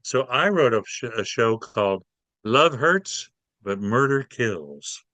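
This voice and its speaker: A playwright appearing as an interview guest tells stories animatedly and casually, acting out his characters. His medium-pitched voice is expressive and sharp in tone, he takes his time, and there is no room sound.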